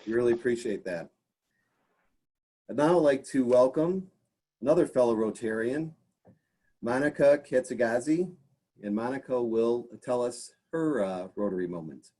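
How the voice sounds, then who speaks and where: Man hosting a club program, mid-pitched voice, halting delivery full of fillers. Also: animated, warm tone. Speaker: club president and meeting host.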